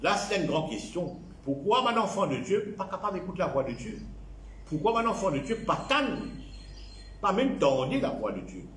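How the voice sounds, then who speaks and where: A fairly high-voiced man with a Mauritian accent preaches a sermon, his pitch rising and falling widely. He repeats key phrases and slips English words into his talk. The sound carries the echo of a church hall. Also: sing-song, moderate pace, a bit bright, slight background noise. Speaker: pastor.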